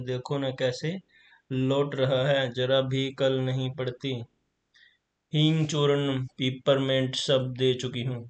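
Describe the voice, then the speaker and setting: A fretful mother fusses anxiously over her sick little boy, read out by a man. She frets in a flat, even tone, with little rise and fall in her voice. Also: medium pitch, natural voice. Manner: anxious, fussing.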